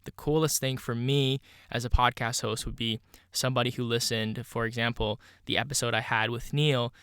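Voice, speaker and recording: A young man in his early twenties hosts a solo podcast with a stuffy, congested nose. His voice is bright and crisp, and it sits close and dry on the mic. He talks casually and thoughtfully, dropping plenty of "you know" as he goes. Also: mid-range voice, fairly even intonation, normal speed, no room sound. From Canada. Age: 20s. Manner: casual, reflective, many "you know" fillers. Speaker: podcast host.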